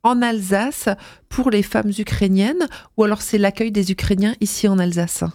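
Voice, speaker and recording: A woman's voice: mid-range voice, fairly even intonation, normal speed, darkish tone, dry recording, studio quality. A woman interviewing a guest, asking long, searching questions with some fillers.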